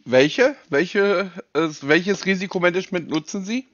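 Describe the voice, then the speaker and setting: A man's voice: high-pitched, animated, unhurried, fairly bright tone, no room sound. A man with a native German accent, questioning bluntly and pedantically as a customer on a phone call. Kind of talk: probing phone conversation. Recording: dull, lo-fi phone audio.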